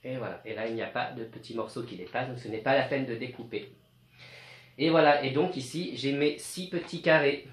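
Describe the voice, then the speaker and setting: A male teacher giving a slow, clear home lesson to young children, speaking patiently. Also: mid-range voice, echoey room.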